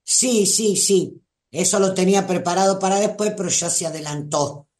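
A host with a Rioplatense Spanish accent, giving a gentle, reflective live talk and answering listeners by name like a spiritual teacher. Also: mid-range voice, normal speed.

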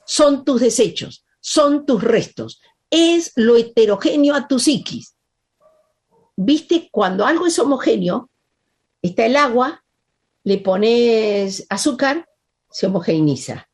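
Husky, animated woman teaching. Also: on the high side, slow pace. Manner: emphatic, dwells on words and repeats them. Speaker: spiritual teacher. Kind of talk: spiritual talk.

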